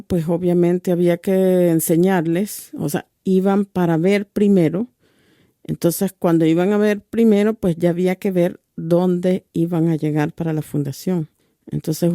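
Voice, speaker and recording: Flat, dark-voiced woman giving testimony. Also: on the low side, no echo, clean studio sound. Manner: earnest storyteller who acts out quoted dialogue. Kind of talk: religious testimony storytelling.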